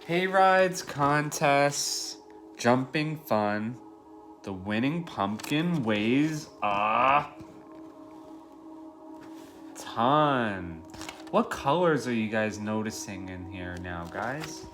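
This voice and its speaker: This preschool teacher, a man in his thirties, talks straight to small children with questions and simple explanations while reading a picture book indoors in his living room. His medium-pitched voice is expressive and a bit bright, moving extremely slowly with frequent pauses. Soft music plays in the background.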